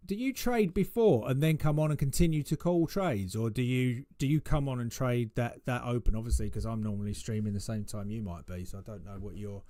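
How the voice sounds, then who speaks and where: A man chatting casually on a trading stream, his voice at an ordinary middle pitch. He rambles, restarts sentences and laughs easily. The sound is dry and close. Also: brisk, few pauses, mellow, no room sound. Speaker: trading livestream host. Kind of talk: casual chat on a live stream.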